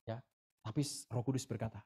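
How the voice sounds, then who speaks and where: Animated middle-aged pastor. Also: male voice, a little fast, breathy edge. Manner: animated preaching, swinging from loud emphatic outbursts to low quiet storytelling; humorous, playful asides to the congregation. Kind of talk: sermon.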